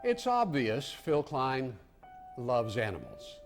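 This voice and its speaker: A man's voice: medium pitch, wildly swooping pitch, slow. A man narrating in a grand, tongue-in-cheek mock-documentary style. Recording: music playing behind.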